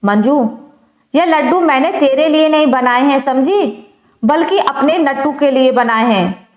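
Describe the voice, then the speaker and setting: A woman's voice: sits high, unhurried. A woman doing a scornful, taunting stepmother. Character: harsh scolding stepmother, middle-aged woman. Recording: echoey room.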